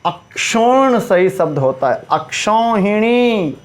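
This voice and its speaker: A man's voice: sits high, animated. A man teaching a spoken grammar lesson, stressing and repeating each correct word form and speaking straight to his students. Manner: emphatic, repeats correct word forms slowly; addresses students directly, asks and answers himself.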